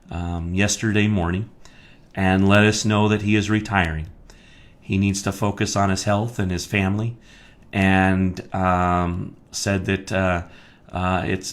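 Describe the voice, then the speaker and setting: An American man hosting a live stream as a county commissioner, talking emphatically and getting worked up, then speaking in a halting way with many fillers. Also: sits low. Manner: worked-up, emphatic, rising to near-shouting; many fillers and restarts when calmer. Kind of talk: live-streamed political talk.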